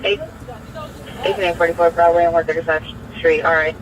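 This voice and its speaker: A man's voice: a little high, completely flat delivery, fairly quick. Male dispatcher over police radio. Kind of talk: clipped radio codes, repeating back calls. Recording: distant radio over street traffic.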